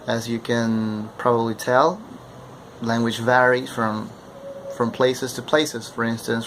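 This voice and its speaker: A man's voice: medium pitch, gravelly. Young man. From Ecuador. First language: Spanish. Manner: keeps checking in with a questioning "okay?". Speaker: language student presenting. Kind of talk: explanatory class presentation. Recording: steady air-conditioning hum behind.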